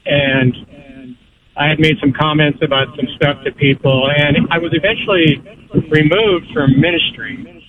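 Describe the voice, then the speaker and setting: A male caller phones in to a radio show, his voice squeezed through a thin, tinny phone line. He sits a little high in pitch and speaks politely, with hesitations and fillers as he tells his story. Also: steady tone, a little slow. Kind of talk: casual call-in talk.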